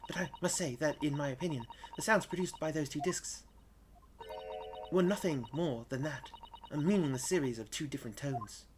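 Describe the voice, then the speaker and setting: A man's voice: a little high, a little hiss or hum, close to an everyday voice. A man voicing a cold aristocratic male prosecutor in a courtroom video game, drawling sardonically. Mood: haughty. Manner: slow, sardonic.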